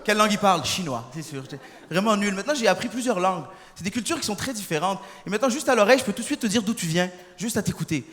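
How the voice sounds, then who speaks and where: A young man doing stand-up on a theater stage, animated and bursting into shouted impressions. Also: sits high, rapid-fire. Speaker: stand-up comedian. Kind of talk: stand-up comedy set. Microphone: stage microphone. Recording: reverberant hall, faint audience noise.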